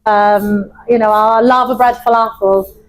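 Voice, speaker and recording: A woman's voice: mid-range voice, fairly even intonation, unhurried, rough recording. A young adult woman from Wales, a chef and pub owner, talking in an interview with enthusiasm and frequent laughter. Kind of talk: interview conversation.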